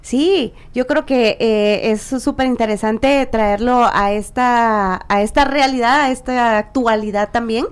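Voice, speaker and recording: A woman's voice: on the high side, unhurried, few pauses, clean tone. Woman hosting a morning show. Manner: warm, many short backchannels. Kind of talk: casual studio conversation.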